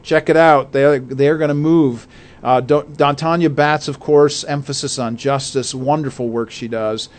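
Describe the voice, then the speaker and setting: A man's voice: on the high side, fairly even intonation, a little slow. A man co-hosting a faith radio show, talking earnestly with many fillers and restarts. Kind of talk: casual radio talk.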